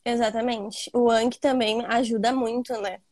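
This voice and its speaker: A woman student answers questions in a casual interview. Her voice sits a little high, and she stumbles and repeats words before speaking with conviction. The sound is dry and close. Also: steady tone, normal speed, darkish tone, no room sound.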